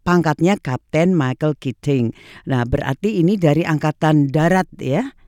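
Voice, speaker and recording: A woman's voice: low voice, a little slow, warm tone, no echo, clean studio sound. A woman conducting a conversational radio interview as the interviewer.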